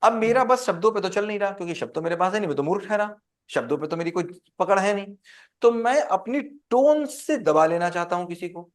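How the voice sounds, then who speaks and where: High-voiced man teaching a class. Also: animated, fairly quick. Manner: quizzes the class with call-and-response questions. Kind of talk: interactive class lecture.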